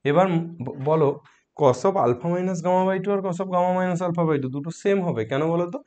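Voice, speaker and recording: A man with a sore throat teaching a math lesson softly, coaxing students with questions as he works problems. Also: on the high side, a little slow, a little hiss or hum. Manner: coaxing, asks students questions, mixes English math terms.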